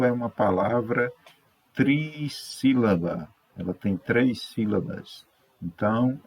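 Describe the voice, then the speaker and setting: Slow, gravelly-voiced Brazilian male teacher. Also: on the low side, a little mellow. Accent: Brazilian Portuguese. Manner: patient, checks in with "né?" and "ok?"; slow, stretches out words syllable by syllable. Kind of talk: correcting third-grade exercises.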